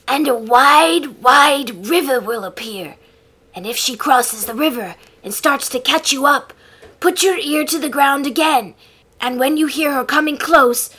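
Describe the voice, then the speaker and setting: A woman voicing a helpful female cat in a folk tale, calm and instructive. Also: high voice, exaggerated voice.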